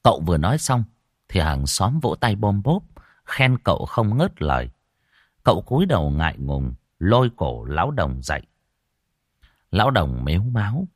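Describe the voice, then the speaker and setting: A man narrating an audiobook story in an expressive storytelling manner. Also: low-pitched, moderate pace, no echo, clean studio sound.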